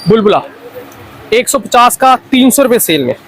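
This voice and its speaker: A man with a Pakistani accent making an unscripted hard-sell pitch as a wholesale seller, insistently repeating his lines. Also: sing-song, fairly quick, a bit bright. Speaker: wholesale toy seller presenting stock.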